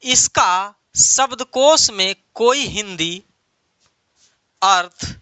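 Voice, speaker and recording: A male teacher gives an online English lesson at an unhurried pace, his bright voice rising and falling a lot. He explains patiently and goes back over each key phrase several times. The sound is dry and close, with no room echo. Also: sits high, animated, clean tone.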